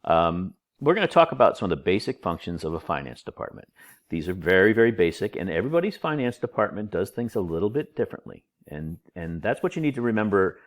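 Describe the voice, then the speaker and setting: A middle-aged college instructor with a low-pitched voice talks fast and very animatedly in a recorded online lecture over slides. He sounds a little nasal from a cold and keeps things informal and chatty, with joking asides.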